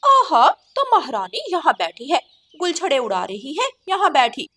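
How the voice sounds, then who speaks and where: A mean sister-in-law crow from a cartoon, shrill and sneering, barking orders loudly in a high voice, as a woman puts her on. Every word drips with scorn. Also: huge pitch swings, a little slow, exaggerated voice. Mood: scolding. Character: harsh scolding female crow, sister-in-law.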